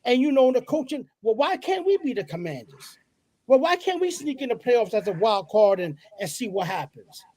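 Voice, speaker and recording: High-voiced woman, jokey and lively, dry close mic. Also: moderate pace, dry recording. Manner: animated, joking, asks pointed questions. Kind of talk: casual chat.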